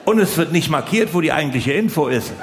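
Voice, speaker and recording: A middle-aged man does stand-up for a live audience at a large venue, colloquial and mock-exasperated, firing off rhetorical questions. His voice is a little high, expressive and fast, with a crowd in the background, and the live hall sounds roomy and noisy.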